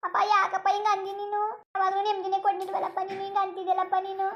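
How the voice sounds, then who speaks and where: A woman's voice: very high-pitched, completely flat delivery, very fast, highs cut off. Woman voicing a weary, pleading village mother. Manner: pleading, reproachful, tearful.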